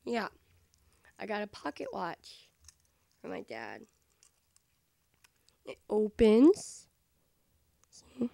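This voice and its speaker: A woman's voice: mid-range voice, sing-song, slow pace, vocal fry, long pauses, no echo, studio quality. A woman vlogging casually into a microphone, goofy and rambling with frequent self-interrupting asides. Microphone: desk microphone.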